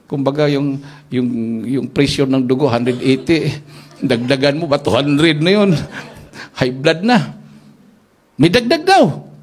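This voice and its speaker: A man preaching at a church worship service, telling stories in an animated way and acting out the dialogue. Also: medium pitch, measured pace. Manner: animated storyteller who acts out dialogue. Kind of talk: storytelling sermon.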